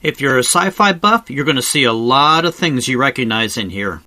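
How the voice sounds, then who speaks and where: A man's voice: medium pitch, expressive, moderate pace, sharp tone, no echo. A man narrating a travel video as a scripted voice-over, explaining things like an informal tour guide in a conversational way with wry asides. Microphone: close voice-over microphone, recorded separately from the cave.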